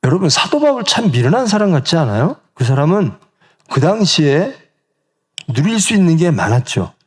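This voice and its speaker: A middle-aged pastor preaches a sermon in a church sanctuary, putting questions to the congregation and acting out the voices he quotes. His voice is on the high side with big pitch swings, at a moderate pace.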